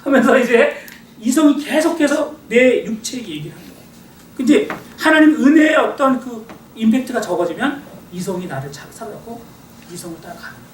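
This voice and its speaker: A middle-aged male pastor giving a sermon lecture in a church hall, acting out inner voices and swinging between loud and quiet. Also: extremely high pitch, animated, brisk. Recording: echoey hall, voice from far off, faint hiss.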